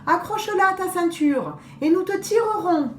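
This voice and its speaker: Sly, mischievous little girls from a storybook chirp and coax in high, bouncing voices, as a woman puts them on. The room echoes around the voice. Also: animated, normal speed, slight background noise. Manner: childlike, coaxing.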